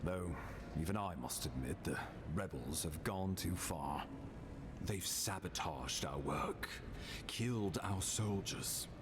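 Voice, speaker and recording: Grave, low-voiced imperial official. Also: male voice, background noise. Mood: troubled. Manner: formal, measured, dramatic. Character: grave, earnest male imperial official of a fantasy empire. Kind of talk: video game dialogue. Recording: loud game music behind.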